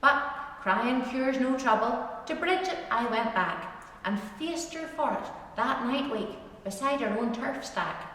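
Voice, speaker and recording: A woman's voice: fairly high pitch, lively intonation, measured pace, fairly bright tone, pitched above the performer's own voice. A woman reciting dialect verse as a rueful, ageing bachelor farmer, with an Ulster Scots accent and a lilting, rhyming storyteller delivery. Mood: resigned. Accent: Ulster Scots, Northern Irish. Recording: very echoey hall, distant microphone.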